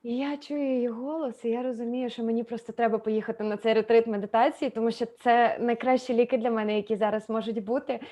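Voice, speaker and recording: Unhurried woman hosting a meditation call. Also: a little high, level tone, warm tone. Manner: unhurried, hesitant, with many fillers. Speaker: meditation event host. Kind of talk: personal story and invitation on a video call. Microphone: video call.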